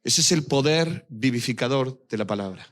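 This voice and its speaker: A man's voice: medium pitch, expressive, moderate pace. A male pastor preaching a sermon, speaking directly to his church and weaving in personal anecdotes.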